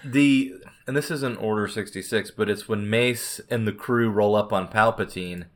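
A man's voice: fairly low pitch, moderate pace. Enthusiastic man on a podcast. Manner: animated, enthusiastic film critique. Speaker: podcast host. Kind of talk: casual podcast chat.

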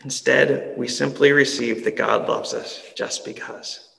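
A male pastor giving a sermon in an earnest, conversational way, often dropping soft and slow for emphasis. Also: mid-range voice, steady tone, vocal fry, in a large hall, poor audio.

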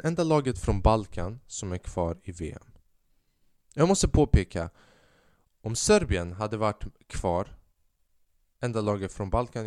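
A man's voice: fairly low pitch, darkish tone, clean tone, no echo, clean studio sound. A young man hosting a casual podcast, a stand-up comedian telling stories in a profane, sarcastic way and acting out the dialogue.

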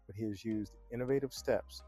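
Speaking fairly quickly in a warm, low voice, this man runs a podcast from a Chicago-area setup, starting with an energetic announcer-style scripted intro. He then relaxes into casual, chatty interview questions while faint music plays underneath.

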